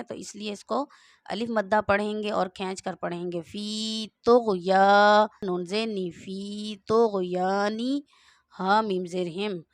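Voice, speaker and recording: A woman with a medium-pitched, gravelly voice teaches Quran reading in a slow, step-by-step recitation lesson. She patiently spells out each word letter by letter and repeats it, in a dry, clean studio recording.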